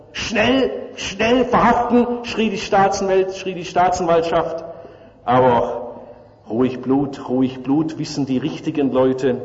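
A man preaching a sermon, telling a Bible story vividly and swinging between loud, high moments and quiet, low ones. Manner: vivid storytelling, dramatic swings in pitch and loudness. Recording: echoey church hall, dull lo-fi sound.

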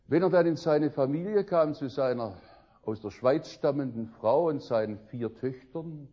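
An older man preaching a sermon, telling stories with lively swings between loud outbursts and quiet musing. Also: medium pitch, moderate pace, lo-fi sound.

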